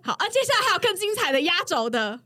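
A loud, excitable woman in her thirties hosts a podcast and tells stories in casual chat. Her voice is high, very animated and swings widely in pitch. She talks fast and laughs often. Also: dry recording. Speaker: podcast host.

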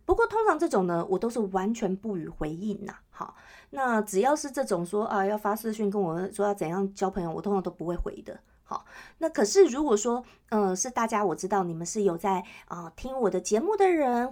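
A woman's voice: mid-range voice, big pitch swings, brisk, darkish tone. A woman host, chatting on her own podcast and often checking in with listeners. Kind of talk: casual solo chat.

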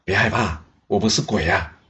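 A man's voice: on the low side, normal speed, a bit bright, husky. A man voicing a stern ruler who speaks coldly and with command. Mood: reproachful. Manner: cold, commanding. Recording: dull lo-fi recording.

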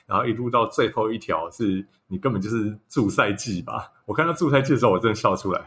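A man's voice: on the low side, fast, fairly bright tone. A man with a Taiwanese Mandarin accent co-hosting a podcast, telling stories in casual chat and laughing often. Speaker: podcast co-host.

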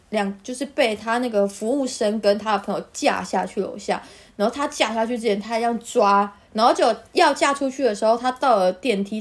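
Podcast host, woman, Taiwanese Mandarin accent, animated storyteller, high and quick. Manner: animated, bursts into laughter while telling. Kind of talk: casual storytelling chat.

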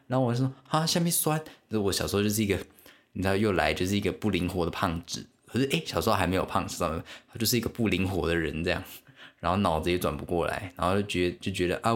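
A young man speaking Mandarin with a Taiwanese accent, his voice sitting very low. He tells stories in a loose, rambling way, restarting sentences and turning to the listener with asides, like a casual solo podcast host.

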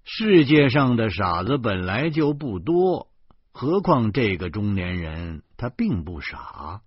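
A man with a Beijing accent reading a novel aloud in expressive, wry first-person narration. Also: on the low side, takes it slowly, breathy edge, no echo. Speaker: audiobook narrator. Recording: dull lo-fi recording.

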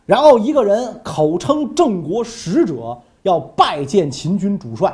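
A man's voice: sits high, a little slow. A man telling history in a casual, colloquial podcast style. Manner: animated, colloquial, acts out characters. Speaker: history storyteller.

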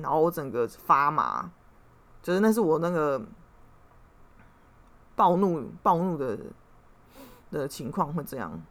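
A young woman hosts a podcast and reads tarot. She tells a story in a rambling, heated way and swears when worked up. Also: lowish voice. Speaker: podcast host and tarot reader. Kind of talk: casual storytelling monologue.

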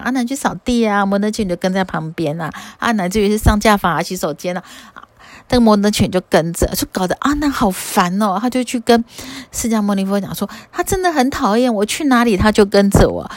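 A woman's voice: medium pitch, no echo. Brief: woman storyteller, casual and chatty, fillers throughout, dry close mic. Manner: chatty, with frequent fillers and trailing endings.

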